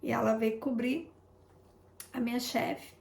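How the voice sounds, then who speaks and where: A woman's voice: on the high side, fairly even intonation, a little slow, creaky, darkish tone. A woman giving a chatty prayer testimony, often turning to her listeners and acting out past conversations. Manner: chatty, keeps addressing listeners, re-enacts conversations. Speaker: intercessor sharing a testimony. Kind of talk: informal testimony in a prayer broadcast. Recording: roomy echo.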